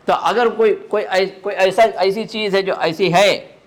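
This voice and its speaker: A man teaching a live recitation class to students, sounding out throat letters and asking often if the point is clear. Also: high voice, steady tone. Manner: demonstrates throat sounds, asks learners to confirm understanding. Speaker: religious teacher.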